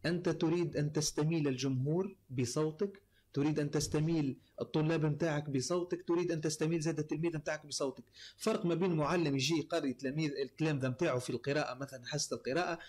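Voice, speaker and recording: A quick-speaking man with a Tunisian accent, slightly high in pitch. He talks casually as an interview guest and lays out his points one by one with frequent fillers. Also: fairly even intonation, darkish tone. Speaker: voice-over artist, guest.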